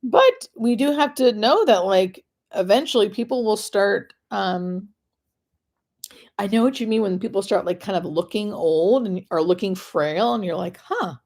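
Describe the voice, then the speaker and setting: A woman's voice: medium pitch, lively intonation, moderate pace, a little mellow. An American woman with a mid-range voice speaks as a hospice nurse on a live stream. She explains in a casual, conversational way, often restarting a phrase or repeating key words for emphasis. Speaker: hospice nurse answering live viewer questions.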